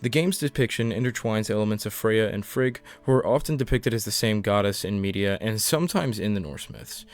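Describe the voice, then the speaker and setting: A man's voice: fairly low pitch, a little fast, hardly any pauses. Man narrating an explainer over music. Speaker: video essay narrator.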